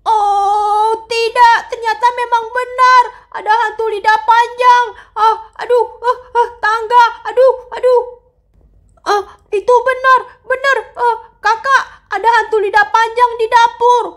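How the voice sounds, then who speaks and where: A woman's voice: extremely high pitch, unhurried, a bit bright. A woman voicing a young boy who shrieks and stammers in alarm in a voice-acted game role-play. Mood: terrified. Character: young boy, skeptical then terrified.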